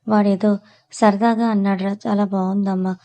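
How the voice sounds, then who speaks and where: A woman's voice: medium pitch, level tone, moderate pace, warm tone, natural voice. A woman voicing a kind, middle-aged mother-in-law who speaks soothingly and affectionately in a storybook reading.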